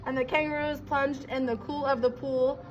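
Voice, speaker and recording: A young woman reading a rhyming children's storybook aloud with a lively delivery. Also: high-pitched, moderate pace, highs cut off, a little hiss or hum. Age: young adult. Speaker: reader.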